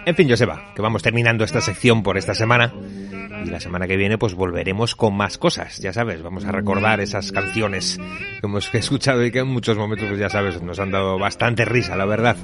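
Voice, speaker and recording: A man's voice: lowish voice, fairly quick. A man giving wry, conversational advice as a contributor to a radio music segment.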